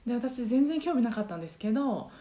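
Singing coach lady chatting at home, fairly high voice, lots of um and uh, roomy echo. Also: animated, fast talker, mellow. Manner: chatty, many fillers, sings short phrases to demonstrate. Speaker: podcast host and singing trainer. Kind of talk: casual solo podcast talk. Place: apartment home.

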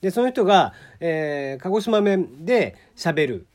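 A man's voice: on the high side, big pitch swings, a little slow, darkish tone. A man from Kagoshima hosting a casual solo podcast, chatty, laughing often and using many fillers. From Kagoshima, Japan. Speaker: podcast host.

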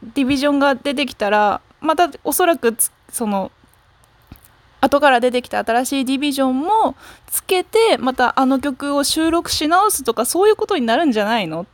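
A woman in a casual solo chat, her voice sitting a little high and recorded dry with no room around it. She wanders from thought to thought, frank and unpolished, breaking off mid-word to fix what she meant. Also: lively intonation, a little fast, no echo. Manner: rambling, frank, with many self-corrections and trailing fillers. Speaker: solo talk show host. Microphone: smartphone app recording.

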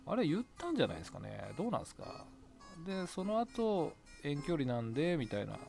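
A man's voice: on the high side, huge pitch swings, brisk, vocal fry, a little mellow, soft background music. A man hosting his own talk podcast, rambling casually and chuckling to himself as he looks back on past episodes. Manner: chatty, rambling, laughs to himself. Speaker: podcast host. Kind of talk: solo talk radio looking back.

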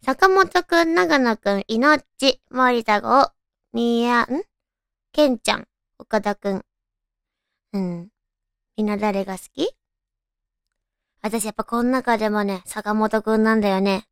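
Female radio host, high cute anime-girl tone, very clear with noticeable fry, chatty and informal. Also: a little slow, pauses often, a bit bright, dry recording, clean studio sound. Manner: chatty, musing aloud to listeners. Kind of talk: casual solo radio chat.

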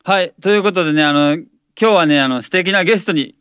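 A man hosting a radio show in casual chat, halting and agreeable as he feels his way through sentences. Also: fairly high pitch, a bit bright, clean tone, dry recording, clean studio sound.

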